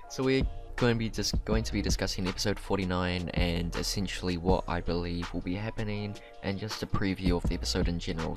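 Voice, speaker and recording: A man hosting a casual video commentary, thinking aloud and correcting himself as he speculates conversationally. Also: sits low. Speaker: YouTube anime commentator and host.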